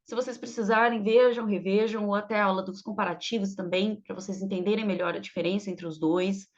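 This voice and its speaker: A woman teaching English grammar, explaining rules patiently and reading example sentences slowly, with many fillers. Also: mid-range voice, steady tone, muffled recording.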